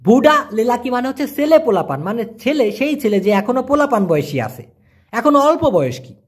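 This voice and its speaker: A husky-voiced man teaches a casual language lesson. He talks with a lively, swinging pitch, and he breaks foreign words down slowly and repeats them with patience.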